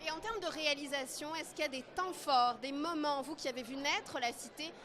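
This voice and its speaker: A woman asking brisk, polite questions as an event interviewer at a gala. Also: high voice. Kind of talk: red-carpet interview questions. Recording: busy crowd at a gala.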